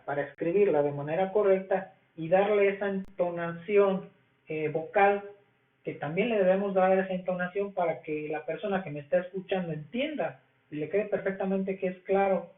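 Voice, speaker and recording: Man, Mexican Spanish accent, English teacher, slow repetitive explaining, tinny echoey recording. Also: high-pitched. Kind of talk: recorded grammar lesson. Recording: echoey, phone-like lo-fi sound.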